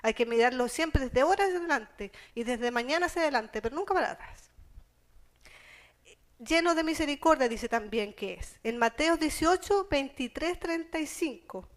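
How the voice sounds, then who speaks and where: Una mujer con acento chileno predicando un sermón, que lee pasajes bíblicos y los explica en palabras sencillas y cercanas. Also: female voice, sits high, lively intonation, moderate pace. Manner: conversational, explains scripture in plain everyday terms; reads Bible passages aloud. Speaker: preacher. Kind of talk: sermon.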